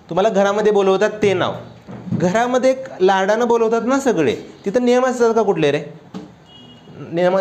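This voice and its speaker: A man's voice: high-pitched, a little mellow, slight background noise. A male chemistry teacher giving a classroom lecture, constantly firing questions at his students and urging them to answer aloud. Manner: keeps quizzing students with quick questions.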